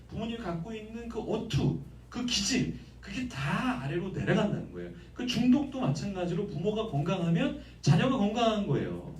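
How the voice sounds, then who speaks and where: A man preaching to a congregation with a high, animated voice and a mellow tone. He questions his listeners as he goes, picked up from a distance in an echoey church. A faint hum sits underneath. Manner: lively conversational preaching, asks the congregation questions. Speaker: guest pastor. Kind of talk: sermon. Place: church sanctuary.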